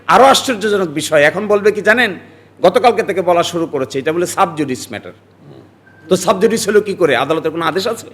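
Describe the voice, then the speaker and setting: A man in his forties, a lawyer from Bangladesh, giving emphatic political commentary that rises into forceful outbursts. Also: high-pitched, animated, a little fast.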